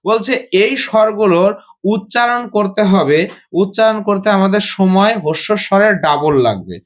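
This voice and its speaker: A man. He talks slowly and patiently, repeats each point and puts questions to his students before answering them himself. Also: high-pitched, expressive. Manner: slow, explanatory, repeats and quizzes students. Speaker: teacher. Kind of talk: Sanskrit grammar lesson.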